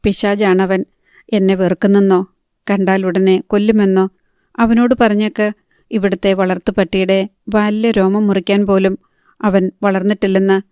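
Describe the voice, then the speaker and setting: A woman's voice: mid-range voice, little pitch movement, moderate pace, dark tone, clean tone, no echo, studio quality, natural voice. Heartbroken bitter young woman, read by a narrator.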